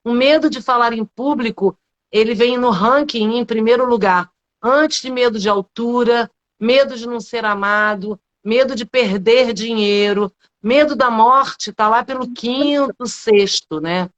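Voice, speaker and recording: Brazilian lady coach explaining stuff on a live, kinda high voice, lots of rhetorical questions and tag questions. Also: measured pace, highs cut off. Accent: Brazilian Portuguese. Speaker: public speaking coach, guest. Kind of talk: explanatory talk in a live interview.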